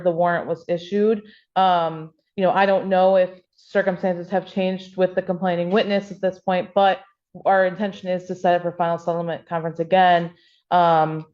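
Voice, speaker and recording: A woman's voice: fairly low pitch, darkish tone. Woman public defender arguing bond, lots of ums, muffled lo-fi courtroom recording. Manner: hesitant, many ums. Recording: dull, lo-fi courtroom audio.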